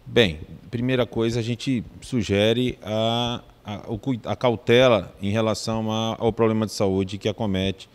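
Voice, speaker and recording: A man with a Brazilian Portuguese accent, a legal adviser explaining a decree in a measured, formal way with frequent restarts. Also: fairly low pitch, fairly even intonation, clean tone, long reverb tail.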